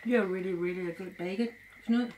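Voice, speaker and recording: A woman's voice: lowish voice, brisk, a little mellow, slight background noise, low-quality recording. A woman from Denmark, a native Danish speaker, chatting casually as she tastes food. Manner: chatty, eating while talking. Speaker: co-host tasting food. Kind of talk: casual chat.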